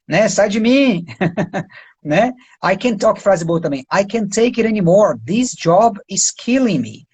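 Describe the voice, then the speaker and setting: A man with a Brazilian Portuguese accent, an English teacher giving a casual live-stream lesson, chatty and full of quick tag questions. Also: high-pitched, darkish tone, slightly rough. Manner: chatty, peppers talk with tag questions and pointers.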